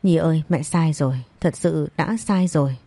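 A woman's voice: deep voice, normal speed, mellow, no room sound. A woman voicing a harsh, domineering mother-in-law. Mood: remorseful. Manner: cold, commanding.

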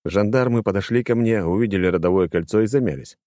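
A man narrating a first-person audiobook, expressive and wry. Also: on the low side, fast, dry recording, clean studio sound.

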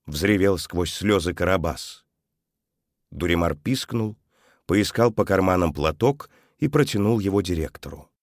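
Male narrator, low voice, calm storybook reading, dry studio. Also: measured pace, no room sound. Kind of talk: audiobook narration.

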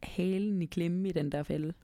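A woman reading a Christmas storybook aloud and talking gently to the listener, then chatting casually. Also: fairly low pitch, fairly even intonation, no room sound. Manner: gentle, speaks to the listener directly. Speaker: storyteller and podcast host.

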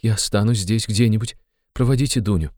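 A man's voice: mid-range voice, brisk, warm tone, no room sound, studio quality, voice pushed up, lightly acted. Field: a man voicing a frightened old mother. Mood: desperate. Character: anxious tearful elderly mother, timid and pleading. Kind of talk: audiobook character voice.

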